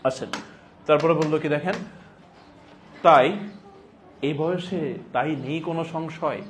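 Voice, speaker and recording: A man giving a classroom lecture as a teacher, repeating phrases deliberately for dictation and prompting students with emphatic questions. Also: a little high, a little hiss or hum. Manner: repeats phrases slowly and deliberately for note-taking.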